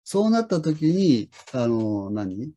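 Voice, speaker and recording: Husky middle-aged man, musing, rambling. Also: medium pitch, big pitch swings, slow pace, dark tone. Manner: reflective, rambling storytelling with many fillers. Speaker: lesson host. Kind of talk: casual conversation.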